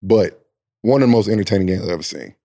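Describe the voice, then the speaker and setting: A young man hosting a casual chat, slangy and joking, chiming in with quick agreement and his own stories. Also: low voice, animated, mellow. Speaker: podcast host, former college player.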